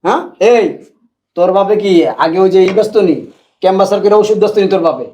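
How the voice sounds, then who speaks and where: A man playing a fast-talking hot-tempered husband. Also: sits high, steady tone, dark tone, highs cut off, lightly acted. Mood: angry. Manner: angry, insulting tirades. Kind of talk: Bangladeshi short drama acting.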